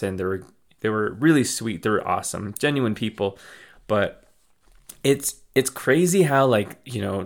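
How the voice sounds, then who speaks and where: A man hosting a podcast, giving a casual, rambling life update full of thanks, often restarting and repeating himself. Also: fairly low pitch. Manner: effusive and grateful. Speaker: podcast host and small business owner.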